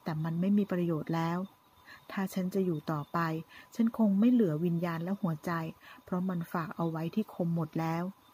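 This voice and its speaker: A woman voicing a heartbroken young woman who speaks quietly and sadly, in a low husky voice. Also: a little fast. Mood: sorrowful. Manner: hushed and sorrowful.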